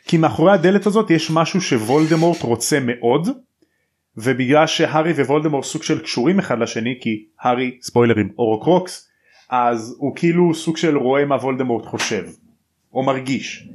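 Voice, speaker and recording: A man's voice: medium pitch, darkish tone. A man hosting a podcast, casually retelling and explaining a story in a chatty, slangy way. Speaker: podcast host.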